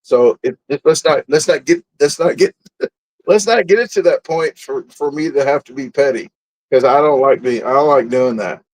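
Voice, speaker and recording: A man's voice: mid-range voice, normal speed, a little mellow, low-quality recording. A man, a guest telling stories in a casual interview, blunt and boastful, often laughing at himself. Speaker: guest, food and camping content creator.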